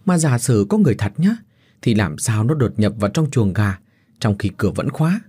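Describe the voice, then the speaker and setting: A man's voice: lowish voice, big pitch swings, a little fast, dark tone, slightly rough. A man voicing an anxious middle-aged country wife who stammers and pleads. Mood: insistent.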